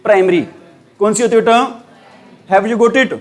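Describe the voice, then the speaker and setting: A man's voice: sits high, fairly even intonation, normal speed. A middle-aged man teaching an English grammar class in Hindi with a Hindi accent, quizzing students with repeated questions.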